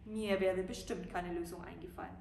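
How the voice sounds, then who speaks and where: Brief: woman reading a bossy but good-hearted gnome, brisk and direct, in a roomy space with light hiss. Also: on the low side, steady tone, vocal fry, a little mellow. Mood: remorseful. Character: male gnome, gruff at first but kind. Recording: roomy, distant mic, faint hiss.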